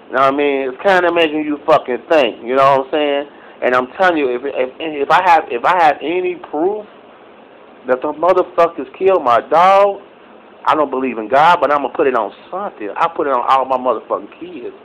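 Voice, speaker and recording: A middle-aged man ranting casually into his phone camera, profane and rambling, with loud outbursts and low mutters. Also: fairly quick, a little hiss or hum. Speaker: vlogger. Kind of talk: casual angry rant to camera. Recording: slightly dull phone recording.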